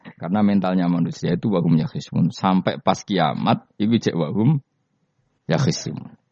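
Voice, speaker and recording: A man's voice: sits low, moderate pace, creaky, husky, no echo. A man giving a religious lecture, telling stories and asking the audience questions. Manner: lively storyteller, asks the audience questions. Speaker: Islamic preacher. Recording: dull lo-fi dry recording.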